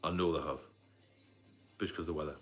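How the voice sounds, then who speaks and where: A man's voice: rumbling low, steady tone, quick pace. A middle-aged British man with a British accent, hosting a rambling, casual live stream about staying sober, with frequent fillers and coughs. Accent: British English. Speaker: livestream host, sobriety mentor.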